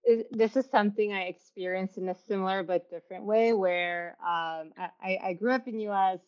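A woman's voice: medium pitch, steady tone, normal speed. A young woman from Turkey hosting an interview over a video call, chatty and full of restarts. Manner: chatty, many restarts and fillers, laughs often. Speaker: podcast host. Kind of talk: casual interview chat. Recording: slightly dull, lo-fi sound.

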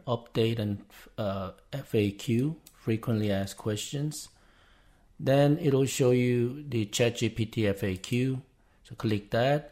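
A Korean-native man hosting a podcast walks viewers through a casual, step-by-step screen-share tutorial, narrating each click. His voice is medium-pitched and warm.

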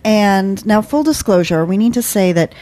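A woman co-hosts a radio program in a casual, chatty way. She wanders into asides and fills pauses with "um", and her voice sits at an ordinary middle pitch. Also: animated, dark tone. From Connecticut. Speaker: radio show co-host.

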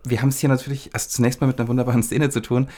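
A man's voice: medium pitch, flat delivery, racing, warm tone. A man in a film discussion, speaking analytically in long, thoughtful sentences. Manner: thoughtful, elaborate sentences with fillers. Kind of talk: analytical conversational talk.

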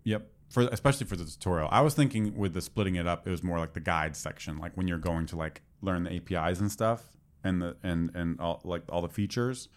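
A man's voice: low-pitched, brisk, hardly any pauses. A man in casual conversation, rambling with lots of fillers as he talks shop. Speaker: podcast co-host, developer. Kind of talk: casual chat.

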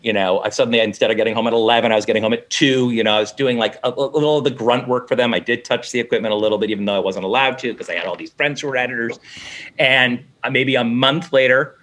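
Middle-aged man, interview guest, animated storytelling, acts out dialogue. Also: medium pitch, fast. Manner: animated, acts out both sides of conversations.

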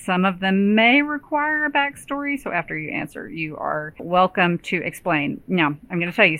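Bright, low-pitched American woman hosting. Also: no echo. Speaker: podcast host. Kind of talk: conversational interview hosting.

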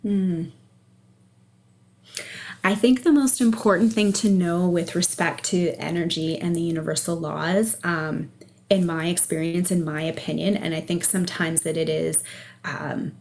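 A woman's voice: fairly low pitch, steady tone, unhurried, a little mellow. A woman speaking as a coach and interview guest, explaining her approach conversationally. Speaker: energy and life coach, podcast guest.

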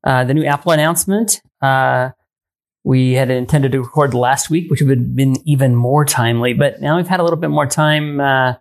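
A man co-hosting a tech podcast, talking casually in a rambling, hesitant way with many pauses and frequent laughs. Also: mid-range voice. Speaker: podcast co-host.

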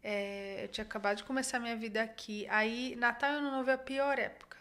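A young adult woman from Brazil with a Brazilian Portuguese accent, hosting a casual livestream and talking with her mother in a lively, chatty way. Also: on the high side, quick pace.

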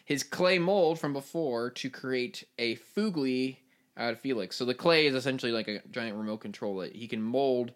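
A man's voice: medium pitch, normal speed. A man hosting a podcast, casually recapping a film plot in a rambling way with many fillers. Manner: rambling, filler-heavy storytelling. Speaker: podcast host.

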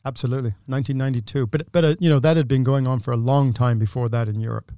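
A man's voice: medium pitch, steady tone, very fast, mellow, clean tone, dry recording. Brief: man from England, 60s, mid-range voice, detailed and assured, dry studio sound. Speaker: guest, window company owner. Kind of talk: casual interview talk.

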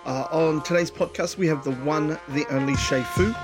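A man's voice: on the high side, steady tone, moderate pace, over music. A man chatting casually and slangily as a podcast host. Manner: slangy, says bro often. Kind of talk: casual chat.

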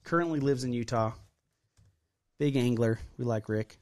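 A man's voice: mid-range voice, normal speed, darkish tone. A man co-hosting a casual podcast, reading a listener's letter aloud in a loose, jokey way. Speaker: podcast co-host.

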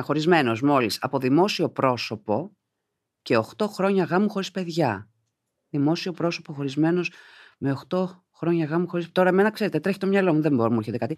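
Woman, podcast host, lively swooping pitch, dry close sound, outspoken and exclamatory. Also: no room sound. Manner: animated, outspoken, bursts into laughter and exclamations. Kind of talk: podcast chat reading listener letters aloud.

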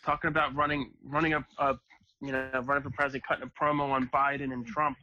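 A man's voice: mid-range voice, flat delivery, fast, bright, forceful tone, highs cut off, slight background noise. A man in a casual podcast chat, joking and rambling through a story.

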